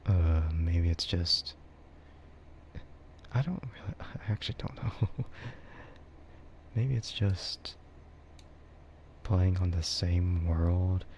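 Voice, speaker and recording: A young man streaming as a VTuber in a whispered role-play ASMR style, rambling softly with chuckles and fillers into a close mic. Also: sits low, fairly even intonation, takes it slowly, long pauses, slight background noise.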